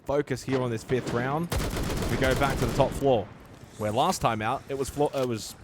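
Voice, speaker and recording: A man giving live esports play-by-play commentary, emphatic and excitable in delivery. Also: medium pitch, normal speed, very noisy. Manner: excitable, emphatic calls in big moments.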